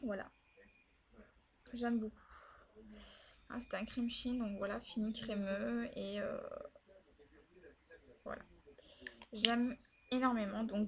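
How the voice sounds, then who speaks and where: Chatty young woman reviewing makeup. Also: a little high. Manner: chatty, many fillers and "voilà". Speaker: beauty vlogger. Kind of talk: casual product review.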